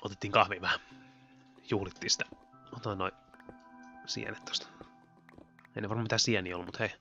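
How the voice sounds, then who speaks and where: A man's voice: fairly low pitch, fairly even intonation, sharp tone, lo-fi sound, soft background music. A man giving rambling, giggly commentary on his own gameplay as a Let's Play host. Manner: chatty, rambling, giggly, talks to himself while playing.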